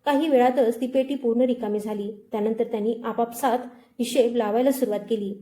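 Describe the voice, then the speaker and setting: Female storyteller, very mellow and dark in tone, slightly high pitch, measured dramatic narration of a suspense tale. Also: steady tone. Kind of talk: scripted first-person suspense narration.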